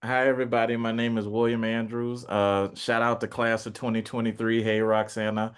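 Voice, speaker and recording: A man on a video call with a smooth, clear voice that stays fairly level. He speaks warmly and hesitantly, with lots of "uh" fillers. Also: medium pitch, level tone, fairly quick. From Detroit, Michigan. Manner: friendly, hesitant, many uh fillers. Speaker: alumnus panelist. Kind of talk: casual panel introduction.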